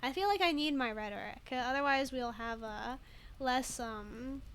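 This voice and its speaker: Bright, giggly woman streamer. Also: high-pitched, normal speed, a little hiss or hum. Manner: playful, giggly, reads game text aloud. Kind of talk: casual let's play commentary.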